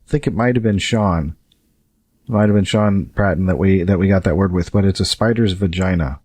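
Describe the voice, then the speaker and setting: Man, podcast co-host, casual chat, low voice, thoughtful, dry sound. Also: brisk, darkish tone, slightly rough, no room sound.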